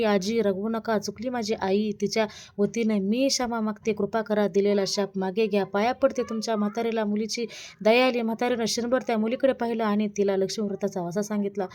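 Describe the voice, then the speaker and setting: A woman tells an old devotional tale in an even, level voice that hardly rises or falls. Her tone is mellow and soft. She reads steadily, pausing over a word now and then and slowing down for the characters' lines. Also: medium pitch. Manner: reads a religious vow tale aloud, with small restarts and slowed quoted lines. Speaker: storyteller. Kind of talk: devotional story narration.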